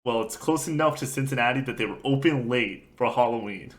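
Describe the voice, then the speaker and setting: A young man co-hosting a casual gaming podcast tells a rambling, animated story while recovering from being sick. He speaks briskly in a mid-range voice.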